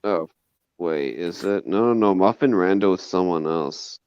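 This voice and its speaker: A man's voice: sits low, a little slow, darkish tone, clear, resonant tone, dry recording. A man hosting a livestream in casual chat, playful, often stumbling and restarting. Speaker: livestream host. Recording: slightly muffled stream audio.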